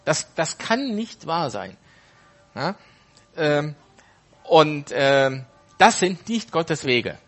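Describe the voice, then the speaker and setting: A man's voice: on the high side, very animated, drawn-out words, long pauses, a bit bright, faint music behind, full character voice. A man quoting a pious hermit protesting in disbelief in a parable he is retelling. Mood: distraught.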